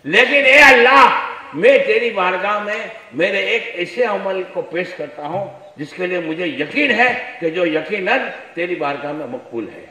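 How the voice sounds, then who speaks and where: A man's voice: high-pitched, expressive, moderate pace, hardly any pauses, a bit bright. A man giving a fiery, combative sermon, firing rhetorical questions at the crowd and building to impassioned declaiming. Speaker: Islamic preacher. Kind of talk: polemical sermon. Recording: echoey hall with long reverb.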